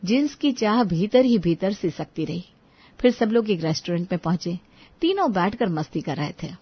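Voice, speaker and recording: A woman storyteller narrating a scripted story in an expressive, dramatic way. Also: medium pitch, moderate pace, husky, muffled recording.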